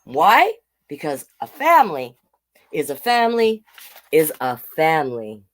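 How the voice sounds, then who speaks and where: A woman hosts a children's storytime, reading a picture book aloud in a low, very animated, unhurried voice. She adds chatty, simply worded asides for young listeners. Her explanations are child-directed and full of tag questions.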